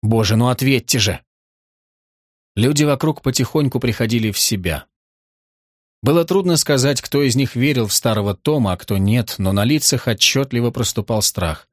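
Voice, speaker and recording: A man narrating an audiobook in a steady, measured reading. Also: mid-range voice, dry recording, studio quality.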